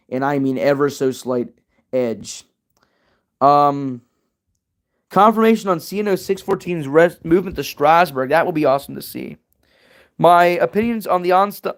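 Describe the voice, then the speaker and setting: A young man hosts a casual livestream Q&A, reading chat questions aloud and rambling through his answers. His voice sits a little on the high side. He fills pauses with "um" and "like," then jumps into quick, excited bursts. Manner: rambling and chatty, many fillers, excited bursts.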